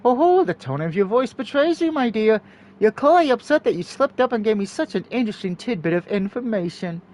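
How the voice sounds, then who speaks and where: Man voicing a teasing, high-pitched captive witch. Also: sing-song, moderate pace. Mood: teasing, sly. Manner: playful, taunting. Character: teasing, cunning female witch held prisoner. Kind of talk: visual novel dialogue read aloud.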